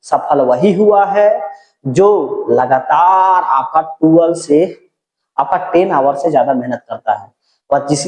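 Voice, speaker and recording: A man's voice: medium pitch, echoey room, rough recording. A middle-aged male teacher giving a chemistry lecture, talking casually and keeping his voice down at night. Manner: casual, keeps checking in with "ठीक है"; speaking softly, holding his voice down. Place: room at night.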